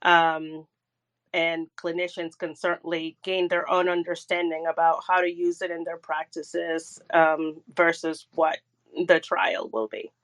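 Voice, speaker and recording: A woman giving a measured, hesitant account of a meeting in a casual online audio-room discussion. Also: fairly low pitch, steady tone, fairly bright tone. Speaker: patient advocate and organizer.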